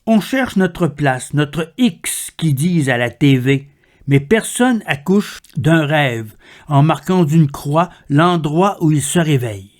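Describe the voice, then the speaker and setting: A man reads poems in an unhurried, deliberate way. His voice sits a little high for a man, and he lets each line settle before the next. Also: expressive. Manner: measured, deliberate recitation. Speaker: poetry reader. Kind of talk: slow poetry reading.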